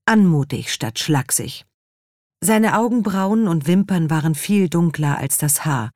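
A woman narrating an audiobook in a calm, even storytelling manner, close to a studio mic. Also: fairly low pitch, a little slow, no room sound.

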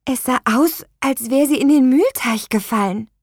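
A woman voicing a dreamy, slightly stubborn young girl in an audiobook, who also sings a slow children's song. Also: sits high, no echo, studio quality, voice pushed up. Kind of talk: audiobook character voice.

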